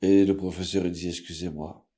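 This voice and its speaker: A man, a rabbi, telling a story aloud with drama, acting out the people in it and swinging from hushed to loud. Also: deep voice, little pitch movement, a little fast. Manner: dramatic, voices characters with big swings in loudness. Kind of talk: emotional spoken storytelling.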